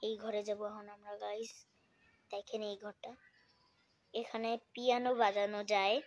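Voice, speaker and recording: A woman giving casual, chatty commentary while playing mobile games, often dropping into a hushed whisper. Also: medium pitch, level tone, unhurried. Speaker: gaming vlogger.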